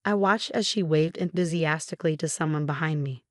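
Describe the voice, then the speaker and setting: A woman narrating a first-person story in an even, measured way. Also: low-pitched, no room sound, clean studio sound.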